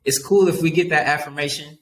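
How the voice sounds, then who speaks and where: A man as a youth worker guest on a podcast, talking in an earnest, animated way and often dropping "man" into his sentences. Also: fairly high pitch, fairly quick, poor audio. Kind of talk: casual podcast interview.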